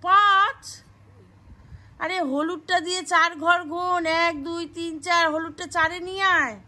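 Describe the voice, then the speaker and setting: A woman's voice: very high-pitched, fairly even intonation, a little slow, bright, forceful tone. A woman chatting casually while playing a board game at home, coaxing and exasperated. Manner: coaxing and exasperated, with frequent sighs. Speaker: family vlogger.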